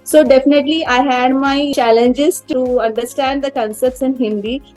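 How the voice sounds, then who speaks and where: Faint music runs beneath a casual interview in which an Indian woman in her thirties, speaking Indian English, answers earnestly as a guest. Her voice is high and warm with fairly even intonation, broken by frequent fillers, pauses and restarted sentences.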